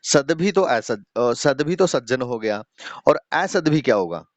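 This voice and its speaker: A man teaching a Sanskrit class to young students online, explaining slowly and often checking in with them. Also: mid-range voice, lively intonation, dry recording. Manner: addresses students directly, asks questions.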